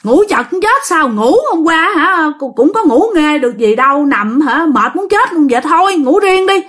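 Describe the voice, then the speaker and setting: A woman's voice: high voice, lively intonation, moderate pace, fairly bright tone, pitched above the performer's own voice. A woman playing an exasperated country wife. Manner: exasperated, brushing off, nagging. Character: irritated middle-aged rural wife.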